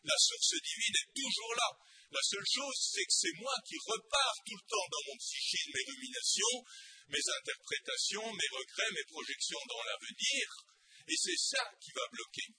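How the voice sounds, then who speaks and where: Male preacher, very bright and sharp tone, dry close sound; impassioned sermon, rhetorical questions. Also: extremely high pitch, wildly swooping pitch, normal speed, slightly rough, dry recording.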